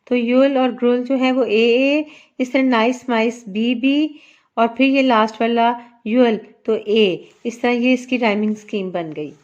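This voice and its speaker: A woman teacher with a Pakistani accent, explaining a lesson slowly and counting out syllables with care. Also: a little high, fairly even intonation, a little mellow. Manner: slow, careful, spells out syllables and counts aloud. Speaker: English teacher. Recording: dull lo-fi sound.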